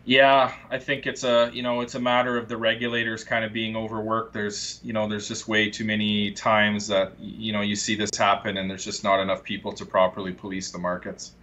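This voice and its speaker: A man on a live investing show, calmly explaining trading ideas step by step with frequent fillers. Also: on the low side, fairly quick, few pauses. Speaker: market commentator. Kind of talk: casual explanatory chat.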